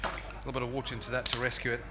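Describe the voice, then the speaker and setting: A man's voice: medium pitch, completely flat delivery, very fast. A South African man with a whistling s, chatting informally as he gives a live cookery demonstration as a chef. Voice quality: whistling s from a false tooth. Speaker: chef giving a cooking demonstration. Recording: live event with clear background noise.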